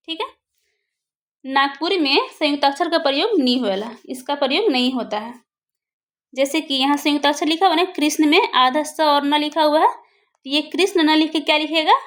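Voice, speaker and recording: A woman's voice: high voice, moderate pace, fairly bright tone. A woman teaching a grammar lesson for exam preparation, who asks questions and answers them herself.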